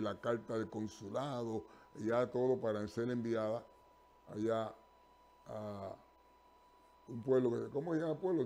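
An older Puerto Rican man, a pastor who hosts a live TV call-in show, speaks into a lapel mic in the studio. His voice is medium-pitched and warm. He halts on fillers and restarts, then surges into emphatic stretches.

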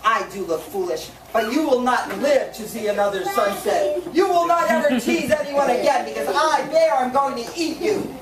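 A woman's voice: high-pitched, lively intonation, moderate pace, few pauses, loud music behind the voice. A woman voicing a huge, angry male bear in a children's storybook reading, with a growling, threatening delivery. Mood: menacing. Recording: echoey room, distant mic, background noise.

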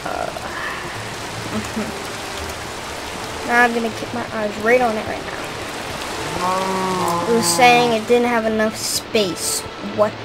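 A woman casually commenting on her own gameplay, mostly muttering and grumbling to herself, sometimes breaking into loud shouts. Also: on the high side, steady tone, slow, long pauses, very noisy. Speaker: gaming YouTuber. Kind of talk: casual let's-play commentary. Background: clear music.

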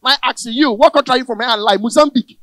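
A man with a Nigerian accent doing stand-up comedy in Pidgin and English on a cinema stage. He talks loud and punchy, shouts his punchlines and slips into the voices of the people in his stories. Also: extremely high pitch, fast talker, no echo, clean studio sound. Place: cinema hall stage with a live audience. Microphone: handheld mic. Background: audience laughter.

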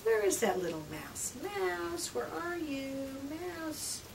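A high-pitched, middle-aged woman, a presenter and trainer in children's read-aloud, reads a picture book to small children in a little indoor room lined with picture books. Her delivery is slow, gentle and expressive, with drawn-out phrases and soft hushed moments. A far-off camera mic picks her up, and room noise is clearly audible behind her.

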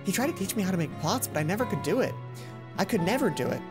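In a mid-range, sing-song voice, a young adult woman talks fast while reading a visual novel aloud as a let's play host. She is seated at a computer in a room, using a headset, and game music plays underneath.

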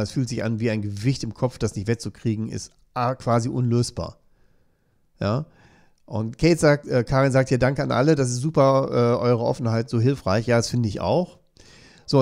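A man's voice: medium pitch, darkish tone. Earnest man coaching on a live show. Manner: earnest, keeps adding questioning "ja?" tags. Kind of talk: live-stream coaching talk, reading viewer comments aloud.

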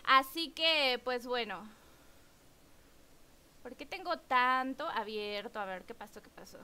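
A young Mexican woman chatting excitedly with her viewers while streaming a game, exclaiming and bubbly. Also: fairly high pitch, slow pace, smooth. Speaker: gaming streamer. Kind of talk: live-stream chat while gaming.

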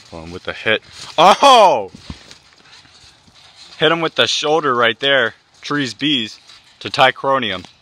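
A man's voice: fairly low pitch, sharp tone. A young man giving hyped play-by-play commentary on a backyard wrestling match, exclaiming often. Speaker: match announcer.

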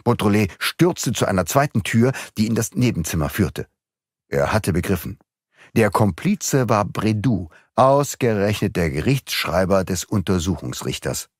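A man reading a novel aloud in a dramatic, varied style. His fairly low voice moves with lively intonation. The recording is dry and close. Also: moderate pace, dry recording. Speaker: audiobook narrator. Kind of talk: scripted audiobook narration.

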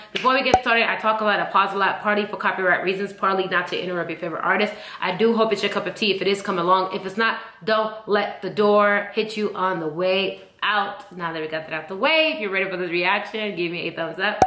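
A woman hosting a reaction video, chatty and animated, who breaks into excited squeals and sings along. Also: mid-range voice, noisy background. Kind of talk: casual reaction commentary. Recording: echoey room with loud music playing.

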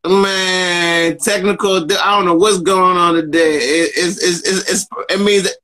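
A man hosting a livestream podcast, speaking in a fairly high voice for a man. He talks with hype, repeats himself and trips over words, and it comes through a phone camera. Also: steady tone, a little slow, bright, forceful tone, rough recording. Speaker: podcast host. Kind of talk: casual livestream chat.

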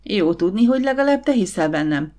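A woman's voice: mid-range voice, lively intonation, warm tone, natural voice. A woman voicing a tired, bitter young man, a struggling actor, in an audiobook. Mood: weary. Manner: tired, resigned.

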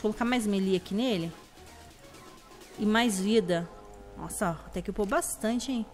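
A young woman with a Brazilian Portuguese accent, chatting casually through her own gameplay. Her voice is slightly hoarse, and she talks excitably with sudden high shrieks. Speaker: gameplay video host. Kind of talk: casual let's-play commentary.

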